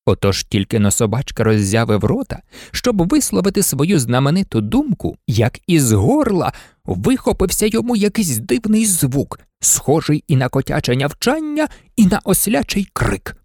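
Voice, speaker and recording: A man reading a children's story aloud with lively, expressive narration. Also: fairly high pitch, moderate pace, no echo, studio quality.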